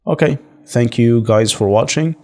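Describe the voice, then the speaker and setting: A man with an Egyptian Arabic accent teaching English to beginners, explaining grammar fast and reading sentences slowly for learners to repeat. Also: medium pitch, a little mellow. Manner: slow deliberate English repetition for learners.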